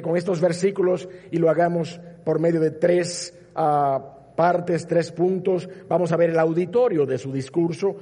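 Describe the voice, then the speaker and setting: Pastor with a husky, ringing voice. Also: male voice, fairly high pitch, dark tone. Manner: preaching with repetition and rising emphasis. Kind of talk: sermon. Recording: long hall reverb.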